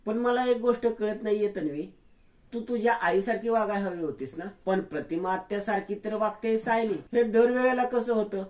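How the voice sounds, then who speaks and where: A man's voice: high voice, moderate pace, darkish tone, voice pushed up, natural voice. A young woman comforts a weeping cousin and keeps slipping in nosy questions , as a man narrating the story puts her on. Her voice sits well above his normal range, soothing on the surface with a prying edge underneath. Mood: consoling, prying.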